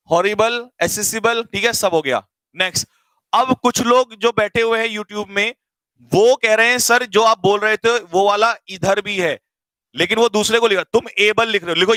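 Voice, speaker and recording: A man runs an online English grammar class, firing rapid quiz questions at students in a teasing, energetic manner. His voice sits high, and the low-quality recording has no echo.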